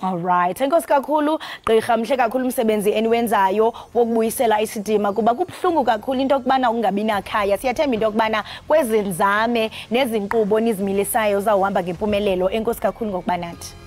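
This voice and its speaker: Fast, higher-pitched Xhosa-accented woman presenter. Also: a little mellow, faint music behind. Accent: Xhosa South African. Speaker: television morning show host. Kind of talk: broadcast interview and presenting.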